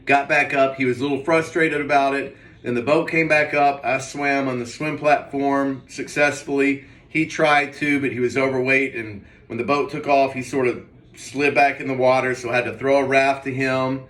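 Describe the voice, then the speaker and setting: A man recounts a dream in a hazy, puzzled manner, rambling casually and hesitantly. His medium-pitched voice sits away from the microphone, with the room's echo clearly around it. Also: steady tone, normal speed, fairly bright tone. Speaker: vlogger. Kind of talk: casual, rambling first-person storytelling. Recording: roomy echo, distant mic.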